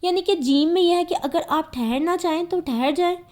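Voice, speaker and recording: A woman with a high voice and a Pakistani Urdu accent teaches a religious lesson on reading the Quran. She talks patiently and goes over each point again in simpler words, like a classroom teacher. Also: darkish tone.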